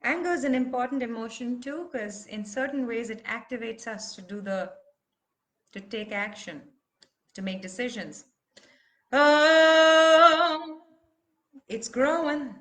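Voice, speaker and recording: A woman's voice: on the high side, lively intonation, moderate pace. A woman leading a live online voice workshop, talking students through feelings and breaking into emotive vocal sounds. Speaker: voice teacher.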